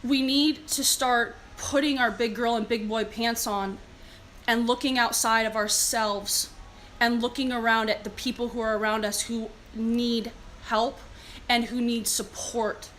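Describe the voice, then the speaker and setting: A woman with a Californian American accent and a fairly high voice speaks straight to her live stream audience. She sounds earnest and emphatic, like someone giving a motivational talk, but keeps it conversational. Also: steady tone, a little slow, a bit bright, a little hiss or hum. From California, United States. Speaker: fitness leader and live streamer.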